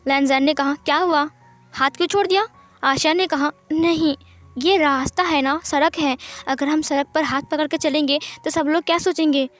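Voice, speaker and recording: A woman narrating a romance fanfiction, reading every character's lines in her own gentle voice. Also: sits high, fairly even intonation, normal speed. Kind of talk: storytelling narration with character dialogue.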